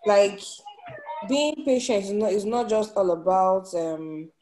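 A woman's voice: medium pitch, lively intonation, takes it slowly, dark tone, poor audio. Hesitant woman searching for words. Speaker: group member. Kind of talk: casual online group meeting. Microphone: video call.

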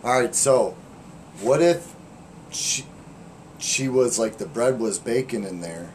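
Man, podcast host, crude playful banter, unhurried delivery, swooping pitch. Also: lively intonation, a little mellow, slight background noise. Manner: joking, profane, playful trash talk.

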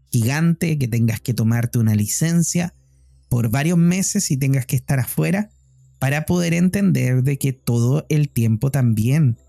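A man with a Chilean accent sharing personal reflections in a podcast chat, speaking thoughtfully with frequent pauses. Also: mid-range voice, mellow. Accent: Chilean Spanish. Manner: thoughtful, personal, many "eh" fillers. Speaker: co-host.

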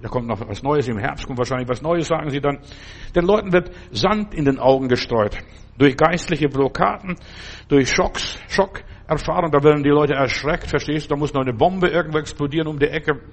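An older man giving an earnest sermon, exhorting his listeners and addressing them directly. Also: on the high side. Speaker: preacher.

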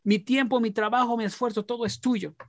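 A man's voice: extremely high pitch, fairly even intonation, fairly quick, no room sound, studio quality, pitched above the performer's own voice. Give me a man voicing a desperate, pleading pearl merchant in a storytelling sermon. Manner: pleading, tumbling offers.

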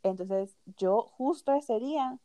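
A young woman hosting a podcast, casually telling a personal story in an animated way, often laughing along. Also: on the high side, slow pace, no echo. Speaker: podcast host.

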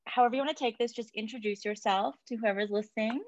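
A woman's voice: on the high side, quick pace, no echo. A woman hosting a casual podcast over a video call, chatty and encouraging, laughing often. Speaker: podcast host. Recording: dry, dull lo-fi call audio.

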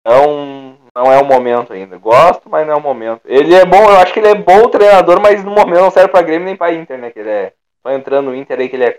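A man giving his opinions in a casual football debate, halting and restarting often. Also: fairly high pitch. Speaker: football pundit.

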